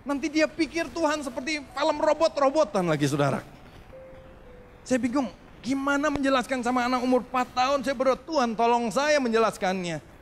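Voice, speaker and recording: A man's voice: extremely high pitch, brisk, slight background noise. A male pastor preaching a sermon, telling stories and calling for amens from the congregation. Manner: animated storytelling with congregation call-and-response.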